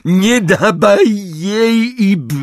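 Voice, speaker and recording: Defiant teenage boy wizard, voiced by a male reader, yelling high and drawn out. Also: animated, drawn-out words, dry recording, studio quality, exaggerated voice. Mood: desperate. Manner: shouting, defiant.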